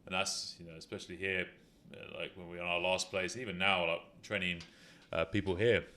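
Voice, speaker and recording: Low-voiced and brisk, this man sounds bright and forceful, with fairly even intonation. As host of a fitness talk show and an injury rehab specialist, he rambles through his explanations casually, dropping "you know" again and again.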